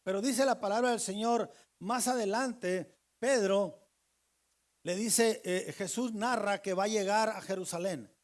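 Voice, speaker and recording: Pastor guy preaching, high voice, storytelling, talks right to the crowd. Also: a little slow. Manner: storytelling preacher addressing the congregation directly. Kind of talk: sermon.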